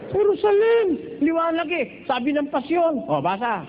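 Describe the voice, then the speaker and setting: High-pitched filipino preacher man, jokey, breaks into slow chanting, muffled old recording. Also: expressive. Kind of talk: Bible study sermon. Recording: dull lo-fi recording with faint noise.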